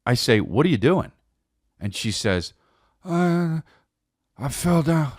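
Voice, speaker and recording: On his comedy podcast, an American host rambles through personal anecdotes in a lively, easygoing way, hammering points home by repeating phrases. He takes it slowly, his voice is a little high, and the studio audio is clean with no echo.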